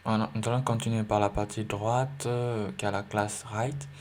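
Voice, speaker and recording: In this screen-recorded coding lesson, the male instructor's voice is low, slightly mellow and mostly steady in pitch, at a moderate pace. A little hiss or hum sits under faint keyboard typing and clicks as he reasons aloud, with many fillers and self-corrections.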